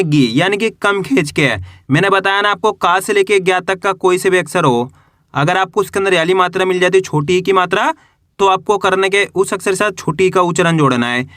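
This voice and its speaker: A man's voice: high voice, pushed and bright, dry recording, studio quality. A man teaching a beginners' Hindi reading lesson, patient and repetitive, asking questions and answering them himself. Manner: patient and repetitive, asks questions then answers them, stretches example syllables.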